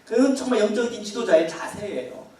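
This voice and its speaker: A man's voice: high voice, expressive, brisk, very echoey, recorded from a distance, a crowd in the background. A man preaching as pastor at a Bible study, talking casually with the congregation, asking them questions and laughing often. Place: church hall.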